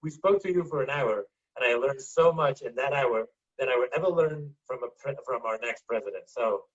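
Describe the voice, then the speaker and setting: A man's voice: mid-range voice, brisk, husky. A man co-hosting a casual podcast, effusive and laid-back in his thanks. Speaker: podcast co-host. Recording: distant, dull-sounding mic.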